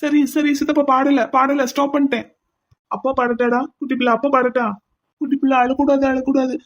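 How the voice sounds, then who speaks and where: A woman's voice: high-pitched, level tone, fairly quick, background noise. A clumsy young cartoon uncle, voiced by a woman who coos and dotes in a slightly raised voice. The recording sounds dull and lo-fi. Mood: cooing. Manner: cooing, doting. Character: young uncle clumsily soothing a crying baby. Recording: dull lo-fi audio.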